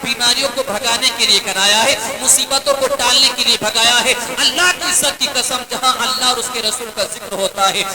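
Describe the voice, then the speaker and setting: A man's voice: extremely high pitch, brisk, few pauses, a crowd in the background, rough recording. A man preaching an emotional religious sermon, telling a story and breaking into repeated cries of praise. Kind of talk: religious sermon at a public gathering.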